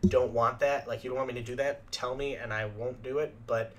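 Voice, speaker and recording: A young man hosting a reaction channel who chats casually and rambles with lots of fillers, clearing his throat as his voice starts to go. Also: mid-range voice, steady tone, brisk, slight background noise. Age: young adult. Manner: rambling, filler-heavy chatter.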